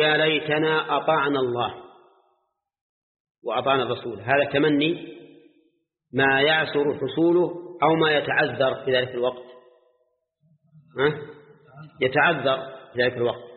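An older man gives a Quran exegesis lesson in a classroom. He explains step by step, checks on his students and chants the verses. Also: mid-range voice. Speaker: Quran teacher. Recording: tinny lo-fi recording in an echoey hall.

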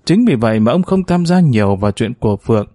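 Man, audiobook narration, expressive, lively pitch, dark timbre. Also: quick pace, no room sound, studio quality. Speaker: storyteller.

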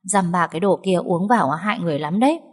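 A woman's voice: on the low side, animated, quick pace. A woman voicing a timid young housemaid who stammers and pleads anxiously. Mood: eager. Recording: long hall reverb.

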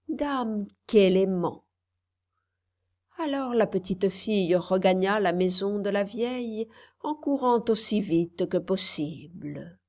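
A woman reading a folk tale aloud as an audiobook narrator, measured and expressive. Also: medium pitch. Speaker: audiobook reader. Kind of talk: scripted storybook narration.

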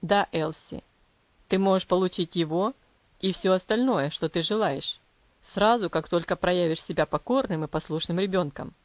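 A woman voicing a strict, cold father who speaks in a low, commanding, measured voice in an audiobook. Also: no echo, highs cut off, lightly acted. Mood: stern, cold. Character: stern cold father, strict then tender.

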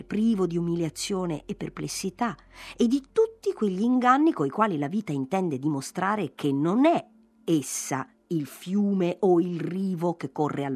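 A woman narrating a literary novel aloud in a measured, expressive reading. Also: medium pitch, slightly rough, no room sound. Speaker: audiobook narrator.

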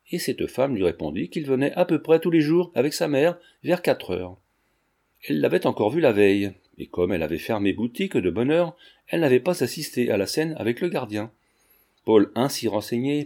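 A man narrating a novel in a steady, measured audiobook reading. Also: medium pitch.

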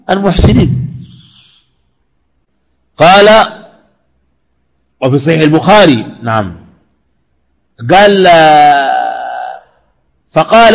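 A man giving a colloquial religious lesson, moving between classical quotations and everyday asides, with sudden high rises in his voice. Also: low-quality recording. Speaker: preacher.

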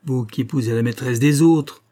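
A man's voice: medium pitch, moderate pace, close to an everyday voice. A man voicing a furious, insulted young male secretary in an audiobook, his voice raised in anger. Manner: shouting in rage.

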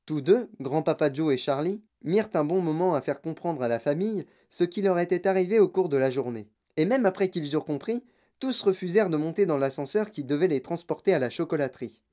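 A man narrating a children's audiobook in a calm, low storytelling tone. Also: a little fast. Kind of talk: audiobook reading.

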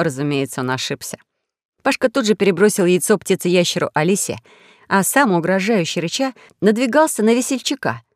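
A woman's voice: lowish voice, no room sound, clean studio sound. Woman reading a children's story aloud. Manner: expressive storytelling. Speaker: narrator.

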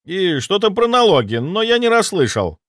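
A man's voice: sits high, very animated, moderate pace, no echo, clean studio sound, voice pushed up. Rostislav, a man doing a frantic ghost officer. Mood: indignant. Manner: breathless, indignant shouting reports. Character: frantic ghost of an old-time male army officer. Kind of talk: audiobook character voice.

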